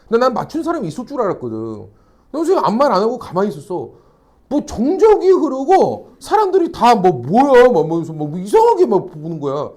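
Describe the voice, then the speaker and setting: A man's voice: high voice, darkish tone. A middle-aged man teaching a class, telling anecdotes, teasing and mocking, and constantly checking whether students follow. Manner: mocking asides. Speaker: academy teacher.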